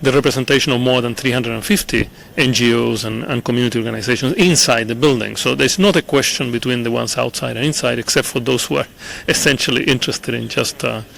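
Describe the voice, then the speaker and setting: A middle-aged man gives earnest, measured interview answers. His voice is gravelly and mid-pitched, and he pauses often with "uh" and repeats words as he thinks. A faint hiss sits under the recording. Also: a bit bright. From Chile. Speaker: interview guest, international official. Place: conference venue.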